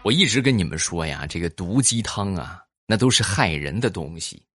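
Lively low-voiced man telling jokes. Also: normal speed, husky, no echo, studio quality, faint music behind. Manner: animated joke-telling, teasing the audience. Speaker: podcast host. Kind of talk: comedic monologue and reading listener comments.

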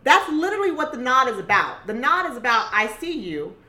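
A woman from Costa Rica talking in an animated, emphatic way, with frequent restarts, in a casual conversation. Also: high voice, brisk.

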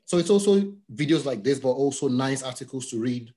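A podcast host whose first language is Yoruba runs a casual interview, speaking in a relaxed, friendly way and often repeating himself with fillers. His voice is mid-range and his pace brisk.

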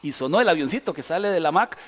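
High-voiced pastor preaching in a hall. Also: male voice, quick pace. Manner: animated storytelling, swings from loud to hushed. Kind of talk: sermon. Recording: long hall reverb.

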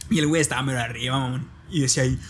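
A man's voice: medium pitch, steady tone, racing, slight background noise. A young man with a Mexican accent telling a funny story in slangy, casual chat. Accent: Mexican Spanish. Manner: slangy storytelling, laughing asides.

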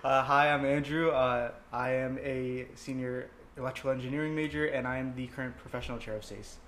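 A man's voice: medium pitch, fairly even intonation, brisk. A college senior in his twenties chatting with friends, laid-back and defensive in banter. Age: 20s. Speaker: co-host. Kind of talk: casual chat. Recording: loud background noise.

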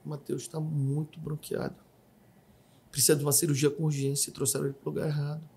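Husky-voiced man telling a testimony. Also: fairly high pitch, flat delivery, brisk. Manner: vivid storytelling, acts out shouts and quotes. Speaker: podcast guest giving testimony. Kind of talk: emotional personal testimony.

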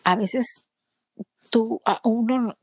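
A woman tells a personal story in conversation, earnest and lively, speaking about her faith. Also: on the high side, extremely slow, breathy edge, no echo. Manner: animated, acts out other people's words in quotes.

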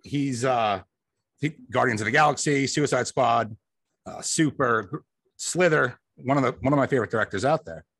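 A man's voice: mid-range voice, normal speed, fairly bright tone, husky, no echo. A man hosting a podcast, chatting casually in an easygoing, agreeable way. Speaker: podcast host.

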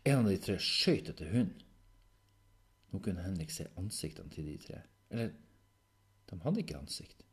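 A man narrating a children's story chapter with an expressive, dramatic reading. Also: sits low.

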